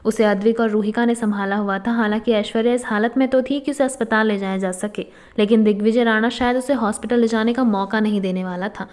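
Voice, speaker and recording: A woman with a fairly high voice reads out a scripted romantic drama story. Her narration is dramatic and emphatic, pushing each turn of the plot forward. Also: steady tone, fairly quick, hardly any pauses, darkish tone.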